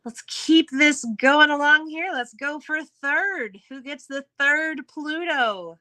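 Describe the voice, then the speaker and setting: Woman host, live game, bright upbeat chat, dry close mic. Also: sits high, slow, dry recording, rough recording. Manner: upbeat, chatty, laughs often. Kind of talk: live game-show hosting.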